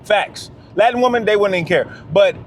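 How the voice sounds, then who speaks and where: Guy with a high voice ranting on his vlog, slangy, says stuff twice for emphasis. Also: brisk, a little hiss or hum. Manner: emphatic, repeats phrases, slangy. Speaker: vlogger. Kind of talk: casual monologue vlog.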